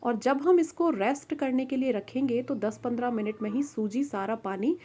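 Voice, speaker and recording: A woman's voice: on the high side, moderate pace, warm tone. A woman hosting a cooking channel, explaining a recipe step by step in a friendly, instructional voice-over. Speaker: cooking show host.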